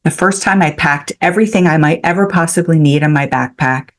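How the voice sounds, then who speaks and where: Creaky-voiced woman in her sixties. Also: low voice, a little fast. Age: 60s. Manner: animated, with many restarts and fillers. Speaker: podcast guest. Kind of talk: storytelling in a casual interview.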